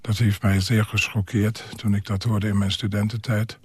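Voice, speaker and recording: Older guy with roots, low-ish husky voice, hesitant, lots of pauses, dry studio. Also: little pitch movement, no room sound. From Germany. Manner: hesitant, halting with many pauses and fillers. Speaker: psychiatric care worker and author. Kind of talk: radio interview.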